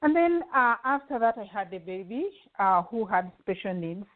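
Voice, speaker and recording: A woman's voice: mid-range voice, big pitch swings, moderate pace. Middle-aged Ugandan woman on a phone line. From western Uganda. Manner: earnest, with frequent fillers and restarts. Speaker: guest, home care agency CEO. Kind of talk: conversational interview answers. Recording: tinny phone-line audio.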